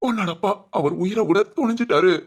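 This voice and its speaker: A woman voicing a calm young husband in a doll-film drama, speaking in a lowered, firm and measured way. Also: husky, close to an everyday voice. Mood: firm explaining.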